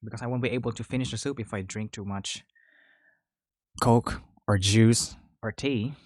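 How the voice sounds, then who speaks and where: A man's voice: on the low side, steady tone, moderate pace, a little mellow, no echo, clean studio sound. A man hosting a podcast, chatting casually while eating, rambling and correcting himself between bites. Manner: rambling, chewing between phrases, self-correcting. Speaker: podcast host.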